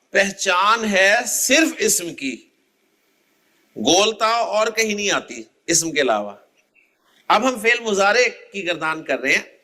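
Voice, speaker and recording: Male grammar lecturer, high-pitched and bright, who quizzes the class and drills word forms slowly. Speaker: Arabic grammar teacher.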